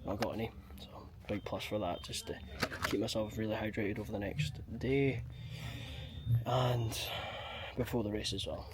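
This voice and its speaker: A young Scottish man with a fairly low voice talks casually into a handheld camera. His delivery is chatty and colloquial, in the style of a personal vlog. Clear background noise runs through the recording. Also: fairly even intonation, normal speed. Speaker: vlogger, amateur marathon runner. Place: on the move around a city, partly outdoors. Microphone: handheld action camera.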